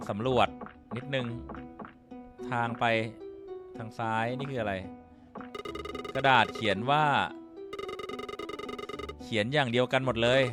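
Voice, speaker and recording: A man giving casual, joking let's-play commentary on a horror game, chatty and cursing casually. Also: medium pitch. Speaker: game streamer. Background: game music.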